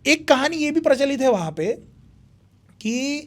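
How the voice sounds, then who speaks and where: High-voiced man telling history. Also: a little slow. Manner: animated retelling with repeated phrases, acts out quotes. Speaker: history speaker, guest. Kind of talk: conversational storytelling.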